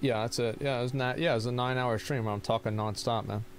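With a mid-range voice and a quick pace, a man in his thirties sounds tired as he streams. He works through questions from viewers, restarting often and padding his rambling, monotone answers with fillers.

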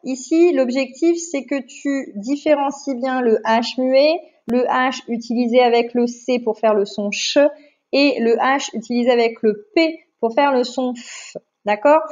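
A woman teaching a class online, explaining things patiently and dictating words and syllables slowly with clear articulation. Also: high voice, darkish tone. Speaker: primary school teacher. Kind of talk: online lesson narration. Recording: dull lo-fi sound.

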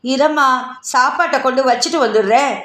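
A woman voicing a hurried woman helper who mutters and calls out, read in a roomy space. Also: high-pitched, fairly bright tone.

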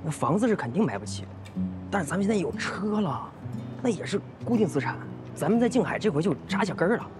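An eager, sheepish young husband whose pitch swings widely as he talks. He coaxes his wife and begs forgiveness over and over. Clear music runs under the dialogue. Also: big pitch swings, quick pace. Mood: coaxing. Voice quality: pleading and repetitive when apologizing. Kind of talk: short drama acting.

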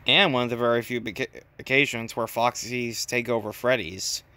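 A man's voice: mid-range voice, fairly even intonation, moderate pace, bright, forceful tone. A young man giving casual, opinionated commentary, often stumbling and restarting his sentences. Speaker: video commentator.

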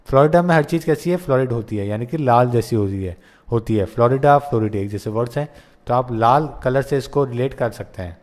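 A man with an Indian English accent, teaching exam-prep vocabulary, explaining in Hindi and reading English definitions slowly. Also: mid-range voice, darkish tone.

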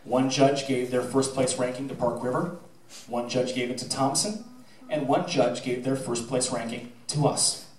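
On an indoor theatre stage, a middle-aged high school theatre director tells anecdotes and gives thanks in an informal speech, an animated storyteller with a medium pitch and moderate pace. His handheld mic runs through the PA, and the audience-camera recording sounds distant and echoey, with a roomy hall.

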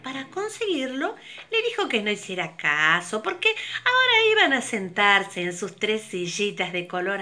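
Slow, lively older woman storyteller. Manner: slow and very expressive, leaping pitch. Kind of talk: storytelling for children.

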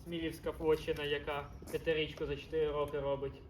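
Man acting a coaxing monk, slightly high voice, faint hum. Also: little pitch movement, fast, close to an everyday voice. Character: monk bringing new potatoes. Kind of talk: historical theatre acting.

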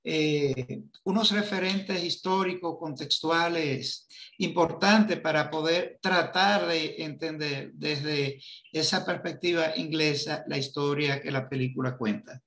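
A man in his fifties moderating a film forum on a video call, speaking slowly and hesitantly as he searches for words. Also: on the high side, fairly bright tone. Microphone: video call webcam.

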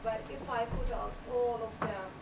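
A young woman presents on technical writing at a small meetup, earnest and explanatory, with occasional light laughs. She sounds slightly high and gravelly, with fairly even intonation at a moderate pace. Captured by a distant camera in a small room, the audio is echoey and has loud background noise.

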